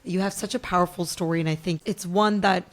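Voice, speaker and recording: A woman hosting an interview podcast, asking gentle, measured questions. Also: fairly low pitch, fairly even intonation. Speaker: podcast host.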